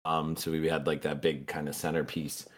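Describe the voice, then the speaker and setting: A man's voice: extremely low pitch, flat delivery, moderate pace. A man on a podcast, methodically recapping his tabletop games in detail. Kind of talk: casual chat.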